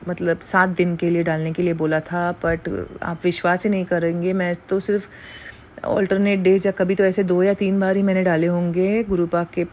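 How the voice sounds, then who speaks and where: A woman's voice: on the low side, flat delivery, normal speed, darkish tone. A middle-aged woman giving an earnest devotional testimony to a congregation, mixing Hindi with English phrases.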